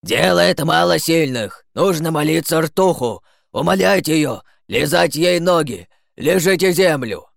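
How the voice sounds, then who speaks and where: Shrieking goblin shaman for an audiobook, gravelly and high, slow barked orders. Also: expressive, no room sound, studio quality, full character voice. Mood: ranting. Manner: barking slow commands. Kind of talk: audiobook character voice.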